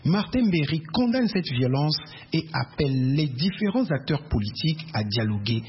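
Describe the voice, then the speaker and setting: A man reporting as a news correspondent in a steady, formal tone. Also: fairly high pitch, normal speed, breathy edge. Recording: muffled radio broadcast with faint noise.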